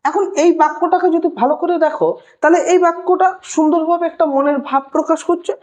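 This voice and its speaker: A woman teaching a language lesson, patient and explaining step by step, repeating key terms slowly. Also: very high-pitched, steady tone, a little mellow.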